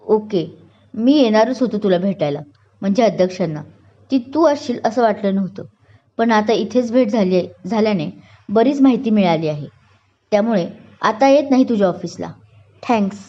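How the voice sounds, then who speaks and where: A woman's voice: mid-range voice, expressive, normal speed, warm tone, close to an everyday voice. A woman voicing an earnest young police inspector. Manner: polite, eager, chatty. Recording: dull lo-fi recording.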